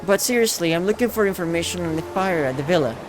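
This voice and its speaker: A man's voice: sits high, expressive, quick pace, music in the background. A man voicing an earnest young female investigator in a noir detective manner for a video game.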